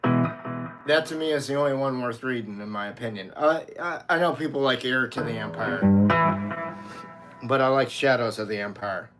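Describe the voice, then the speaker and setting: A man's voice: mid-range voice, normal speed, over loud music. A man in his fifties live-streaming as a musician, chatting casually with viewers, greeting them by name and swearing freely. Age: 50s.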